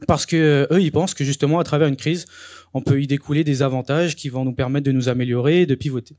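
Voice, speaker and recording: A man's voice: medium pitch, steady tone, fairly quick, darkish tone, no room sound, clean studio sound. A young man hosting a talk event, speaking casually with frequent hesitations. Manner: chatty, hesitant, with many fillers. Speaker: event host. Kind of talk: presentation to a live audience.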